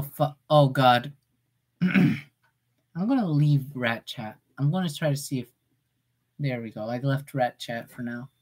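A woman's voice: extremely low pitch, darkish tone. A woman voice actor chatting casually on a livestream, playful and jokey with frequent swearing. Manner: playful, jokey and profane, slipping into silly voices. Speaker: voice actor streaming.

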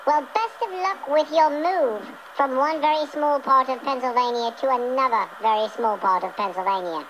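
A theatrical little British chipmunk with a very high voice. The creature hosts a comic radio phone-in, chatting fussily and politely in stammered repeats. The recording has faint noise, as if played from a TV speaker. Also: male voice, moderate pace, a bit bright, lo-fi sound. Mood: playful, fussy. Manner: stammering, repetitive, over-polite. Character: fourth, forgotten chipmunk from England, chatty, fussy, theatrical. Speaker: phone-in host character.

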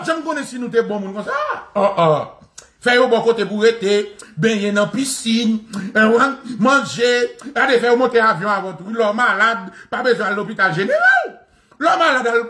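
A Haitian man with a Haitian Creole accent, giving an animated, mocking political monologue and repeating phrases. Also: high voice.

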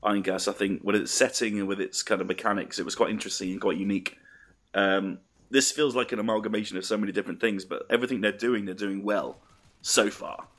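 Male co-host, low voice, casual rambling game talk. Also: steady tone, fast talker, a bit bright. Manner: rambling, many ums and restarts. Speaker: podcast co-host.

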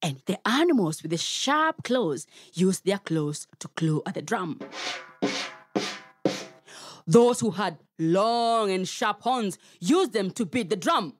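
A woman's voice: medium pitch, expressive, takes it slowly, no echo, soft background music. A Kenyan woman telling a story to children, playful and talking straight to her young listeners. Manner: playful, addresses children directly.

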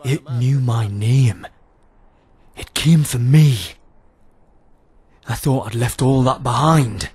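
A man's voice: mid-range voice, takes it slowly, long pauses, a little mellow, husky, no room sound. A man playing a haunted, defiant warrior in a fantasy game, speaking with brooding, dramatic intensity. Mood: shaken, brooding. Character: haunted, defiant male warrior in heavy armor. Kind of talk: fantasy game character acting.

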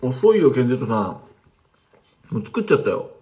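A man's voice: mid-range voice, big pitch swings, brisk, mellow. Chatty man hosting a livestream. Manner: chatty, reads out viewer comments and replies. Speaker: language teacher streaming live. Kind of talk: casual livestream chat with viewers.

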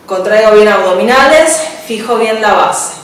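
A woman's voice: medium pitch, expressive, normal speed, far from the mic, a little hiss or hum. A woman counting dance steps in an echoey room. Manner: counts beats aloud while dancing, brief cues. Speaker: belly dance teacher. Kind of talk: counting and cueing a dance class. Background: dance music.

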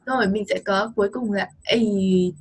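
A woman with a Vietnamese accent teaches English over a video call, her voice somewhat husky and pitched a little high. She talks patiently and coaxingly, spelling out words letter by letter as she corrects a child's homework. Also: moderate pace.

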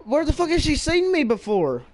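A man's voice: very high voice, wildly swooping pitch, moderate pace. A teenage boy streaming a game, chatting loosely with friends and laughing often.

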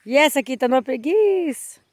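Lady w/ a filming cows on her phone outside, kinda high voice, laughs a lot, dry sound. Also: lively intonation, brisk, dry recording. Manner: laughs often, chatty, talks affectionately to animals. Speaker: vlogger filming farm animals. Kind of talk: casual chat while filming. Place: farm outdoors. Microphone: phone held while filming.

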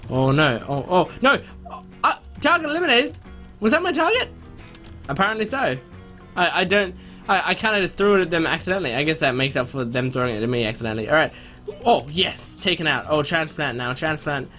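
Faint music plays behind this young man as he hosts a gaming video indoors in a small home room, his voice a little high and his delivery brisk. Born in New Zealand and raised there for his first three years, he commentates casually and excitedly, interrupting himself and bursting into exclamations.

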